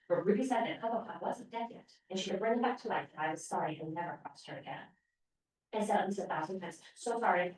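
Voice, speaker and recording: Woman author reading in an echoey room. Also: mid-range voice. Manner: expressive first-person reading, brief hesitations between parts. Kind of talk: reading aloud from her novel. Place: library event room. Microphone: podium microphone. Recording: very echoey room, voice far from mic.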